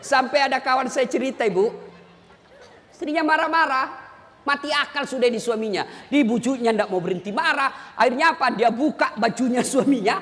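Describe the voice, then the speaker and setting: A man preaching a humorous sermon to a live audience, teasing and often shouting his punchlines. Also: extremely high pitch, a little fast. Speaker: Islamic preacher. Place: large event hall. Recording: long hall reverb at live event.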